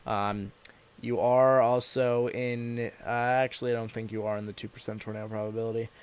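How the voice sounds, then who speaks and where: A man with a sore throat giving casual, unscripted live weather commentary as a livestream host, halting and informal. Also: medium pitch, little pitch movement, smooth. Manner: informal, halting, addressing viewers as y'all.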